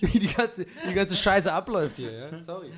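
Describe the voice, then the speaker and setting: A man's voice: high voice, expressive, moderate pace. A man co-hosting a podcast, rambling and breaking off mid-sentence, laughing often as he banters. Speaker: podcast co-host.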